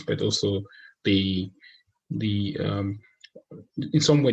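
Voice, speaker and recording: A man from Cameroon giving a casual, thoughtful spoken book review, with many pauses and restarts. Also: on the low side, husky, poor audio. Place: United States.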